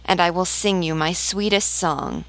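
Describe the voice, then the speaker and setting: A woman reading the part of a devoted female nightingale from a storybook, slow and earnest. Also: on the low side, steady tone, fairly bright tone, dry recording, low-quality recording. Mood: pleading.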